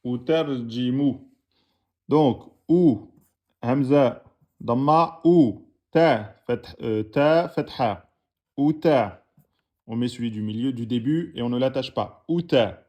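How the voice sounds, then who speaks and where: A man goes over students' written exercises, patiently sounding out each letter and vowel mark. He speaks slowly and deliberately, with a warm, mellow tone. His voice sits in an ordinary middle register. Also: mid-range voice. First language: French-speaking audience. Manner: patient, slow, spelling out letters and vowels aloud. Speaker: Arabic teacher.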